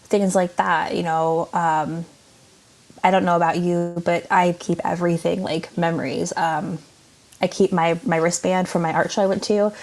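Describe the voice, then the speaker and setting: A woman's voice: lowish voice, little pitch movement, normal speed, darkish tone. A woman artist chatting casually as an interview guest, rambling with many fillers.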